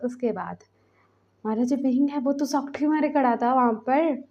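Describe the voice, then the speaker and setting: Brief: woman storyteller, casual chatty narration, high mellow voice, slightly muffled recording. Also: moderate pace. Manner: chatty, rambling retelling. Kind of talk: casual fan fiction narration.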